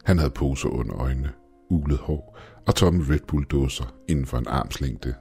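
A man narrating a scripted first-person story in a steady, measured way. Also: very deep voice, breathy edge, soft background music.

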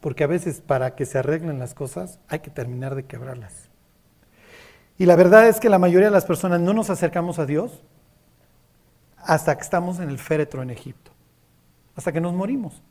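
A slightly mellow, mid-range voice guides a group through Bible study, acting out the quoted passages and regularly checking in to be sure listeners are keeping up.

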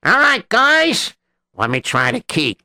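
A man's voice: very high-pitched, wildly swooping pitch, takes it slowly, pushed and bright, dry recording, voice pushed up, exaggerated voice. A man voicing a greedy, scheming swindler who talks his way into a store and gloats over robbing it. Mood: gloating. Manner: wheedling, gloating. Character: greedy scheming male swindler, smooth-talking.

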